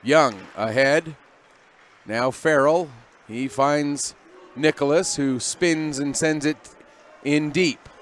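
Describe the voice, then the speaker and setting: A man calling amateur ice hockey play-by-play at a local rink, giving brisk running calls of each play. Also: a little high, a little hiss or hum. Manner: brisk running play calls, rising when the action peaks. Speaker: play-by-play commentator.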